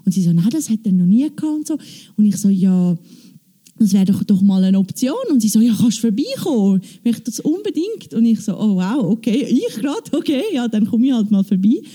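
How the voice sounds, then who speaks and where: Woman on stage, dark mellow voice, chatty testimony full of quoted dialogue. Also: mid-range voice, a little fast, slightly rough. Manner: animated storytelling, quoting with "ich so, sie so". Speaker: church member giving testimony.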